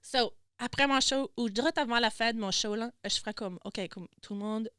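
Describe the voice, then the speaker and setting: A woman's voice: a little high, normal speed, bright, forceful tone, clean tone, no room sound, studio quality. A woman with an Acadian French accent from Baie Sainte-Marie, chatting animatedly as a podcast guest, mixing in English words and swearing freely. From southwest Nova Scotia, Canada. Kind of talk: casual chat.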